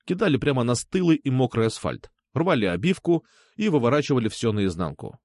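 Guy narrating a crime audiobook, super animated voice, dry close mic. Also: mid-range voice, fairly quick, dry recording. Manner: dramatic, expressive reading with vivid delivery. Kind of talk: first-person audiobook narration.

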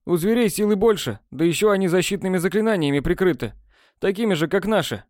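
A man reading an audiobook, voicing a sardonic, know-it-all teenage schoolboy mage who explains things briskly. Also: high-pitched, lively intonation, darkish tone, no echo, studio quality, pitched above the performer's own voice. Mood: explaining.

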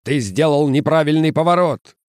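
A man's voice: a little high, lively intonation, slow pace, gravelly, a bit bright, no room sound, studio quality, pitched above the performer's own voice, heavily acted. A man doing a shrieking furious disembodied uncle. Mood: furious shouting. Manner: shrieking, bullying commands. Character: raging disembodied male voice, an uncle.

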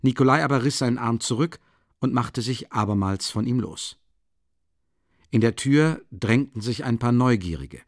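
A man's voice: medium pitch, no echo. Man reading an audiobook in a dry voice. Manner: measured, even storytelling. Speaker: audiobook reader. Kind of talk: scripted narration.

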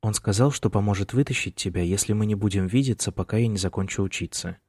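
A quiet, tearful young student speaks softly over the phone, as a man reads him. The voice is low and the sound dry and close, in a storybook reading. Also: fast talker, breathy edge, no room sound. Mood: sad.

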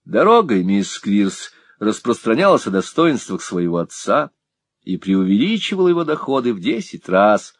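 Male narrator, audiobook reading, lively pitch, dry close recording. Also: moderate pace, dry recording. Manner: expressive storytelling. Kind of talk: scripted narration of a classic novel.

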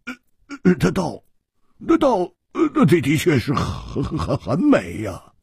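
A man voicing a cold, proud young swordswoman in a Chinese storytelling reading, speaking in a sharp, scornful way. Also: a little high, wildly swooping pitch, normal speed, husky, no room sound, clean studio sound, exaggerated voice.

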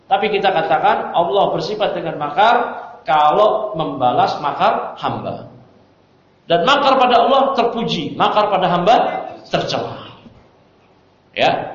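Animated male teacher in an echoey hall. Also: sits high. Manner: animated, asks the audience rhetorical questions; mixes in recited Arabic phrases. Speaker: Islamic religious teacher. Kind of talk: religious study lecture explaining a book. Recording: dull, echoey hall recording.

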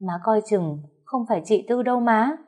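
A woman's voice: on the high side, normal speed, darkish tone, voice pushed up, close to an everyday voice. A woman voicing a frightened young pregnant woman who pleads and whimpers. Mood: tearful.

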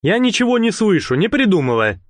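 A man's voice: high-pitched, very animated, a little fast, dry recording, pitched above the performer's own voice. A man voicing a pompous, hot-tempered male gang leader who lectures and snaps at his followers. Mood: irritated. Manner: speechifying then snapping. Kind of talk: audiobook character voice.

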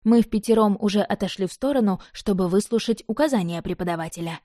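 A woman reading a novel aloud in the first person, expressive and lively. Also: medium pitch, fast, dry recording, clean studio sound. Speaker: narrator. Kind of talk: audiobook narration.

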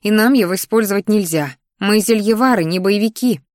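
A woman's voice: medium pitch, fairly quick, darkish tone, dry recording, clean studio sound, voice pushed up, close to an everyday voice. A woman voicing a cheerful, bossy young female student roommate in a fantasy audiobook, talking eagerly and emphatically. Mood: lively, bossy.

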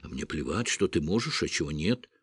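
A man voicing an indignant, bleating goat-like male devil with a shrill, squawking voice. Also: animated, a little fast, husky, no echo, heavily acted.

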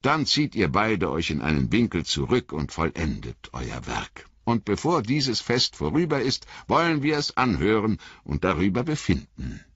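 A man's voice: lowish voice, big pitch swings, normal speed, hardly any pauses, a bit bright, breathy edge, no echo, pitched above the performer's own voice, exaggerated voice. A man voicing a kind, stately elven lord in a storybook reading. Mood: gracious. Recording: slightly muffled dry recording.

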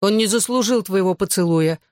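A reader voicing a bubbly, excitable teenage girl who fiercely takes her best friend's side. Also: medium pitch, no room sound, clean studio sound, natural voice. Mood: indignant. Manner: quick to excitement and indignation.

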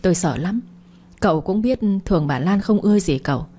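A woman's voice: on the low side, animated, fairly quick, warm tone. A woman voicing an anxious, loyal older housekeeper who speaks with worry and pleading. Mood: worried. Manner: worried, pleading.

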